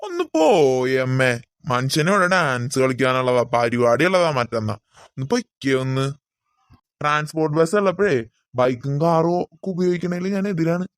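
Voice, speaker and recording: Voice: mid-range voice, lively intonation, moderate pace, dry recording, clean studio sound, natural voice. A voice actor playing a lazy grown son in a family cartoon who brushes off his mother's requests. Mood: dismissive. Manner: dismissive, brushing off.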